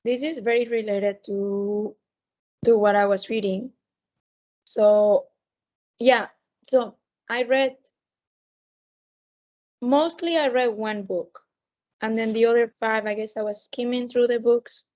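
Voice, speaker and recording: A woman chatting casually as a podcast co-host, with a thick, sore-throat voice and a halting delivery that often repeats words. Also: fairly high pitch, steady tone, darkish tone, dull audio. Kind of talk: casual chat.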